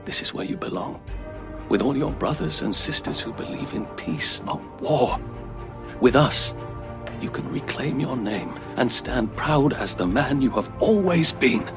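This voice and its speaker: Over music, a man with a medium-pitched voice delivers impassioned, persuasive oratory as an earnest, zealous alien peace negotiator in an audio drama. He is animated yet a little slow, and his mood is fervent and proud.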